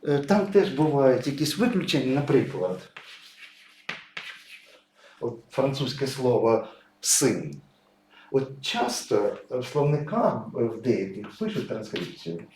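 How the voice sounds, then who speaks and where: A man's voice: medium pitch, big pitch swings, slow pace, long pauses, darkish tone, roomy sound, slight background noise. A man teaching English pronunciation patiently, writing words and stressing each example. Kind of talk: explaining pronunciation at a whiteboard.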